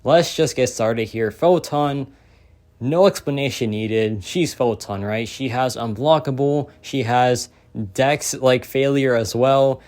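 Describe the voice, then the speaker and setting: A young man talks through game strategy in a loose, excited way, leaning on "like" and "so yeah". His voice sits at an ordinary middle pitch. It sounds slightly worn, as if he has been talking for a long while. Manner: enthusiastic, heavy use of "like" and "so yeah". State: losing his voice. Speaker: gaming content creator. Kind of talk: casual game commentary.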